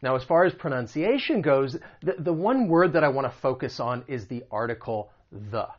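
An American man teaching English pronunciation, patiently repeating example phrases slowly. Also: medium pitch, expressive, lo-fi sound. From United States. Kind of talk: explaining and demonstrating pronunciation.

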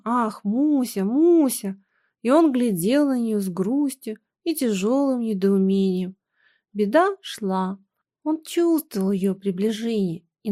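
Woman, audiobook narrator, fairly high voice, measured expressive reading.

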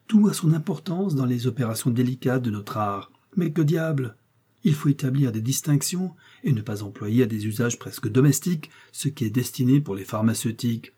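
A man's voice: medium pitch, mellow, husky, natural voice. A man reading aloud and voicing a pompous, fussy village apothecary in an indignant rant. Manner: indignant ranting tirade, exclamatory.

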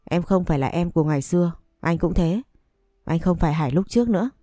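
Resolute young woman in an audio story, measured and firm, voiced by a woman reader; dry sound. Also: lowish voice, animated, dark tone, no echo, natural voice. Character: calm resolute young woman ending an old romance.

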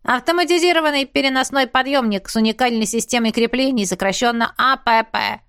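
A fussy gnome inventor with a high, pinched voice, put on by a woman reading an audiobook. He talks in a boastful sales patter and slides into whining. The sound is dry and close. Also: animated, normal speed, fairly bright tone, dry recording. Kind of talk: audiobook character voice.

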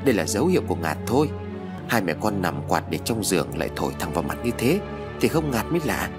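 A man's voice: low voice, very animated, fast, over music. Man doing a stern scolding father. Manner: scolding, curt.

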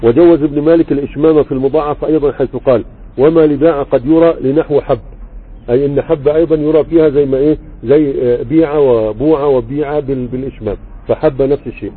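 Speaking fast with a steady tone, this religious teacher has a fairly high, slightly rough voice and an Egyptian Arabic accent. In an online grammar lesson he reads a text aloud, explains it conversationally and often checks that students follow, over tinny phone-like audio.

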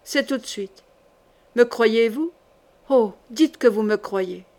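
A passionate, ambitious duke pleads urgently and insistently with a young woman in this storybook-style reading, spoken by a woman narrator. The voice stays fairly high and close to the reader's own. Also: takes it slowly, darkish tone.

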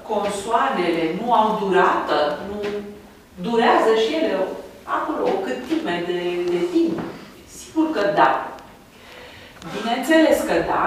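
Woman lecturer, higher voice, self-questioning explanations, distant and echoey hall recording. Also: slight background noise. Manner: explains patiently, asks and answers her own questions. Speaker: Latin lecturer. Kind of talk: university lecture.

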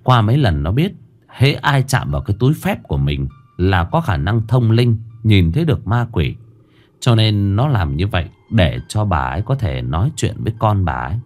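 A man narrating a ghost story in an expressive storytelling manner. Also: on the low side, moderate pace, faint music behind.

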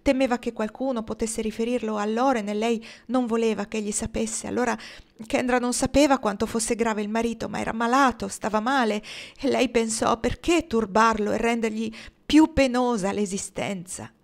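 A tearful, anxious older woman pours out her worry in a trembling, urgent rush, as a woman reading a novel aloud voices her. The voice sits fairly high, and the words tumble out in a confiding way. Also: steady tone, normal speed, creaky.

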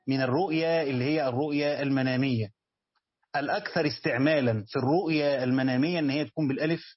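A man's voice: medium pitch, husky, lo-fi sound. A man with an Egyptian accent teaching Quran commentary in a classroom lecture, repeating key phrases and putting questions to his students. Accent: Egyptian Arabic.

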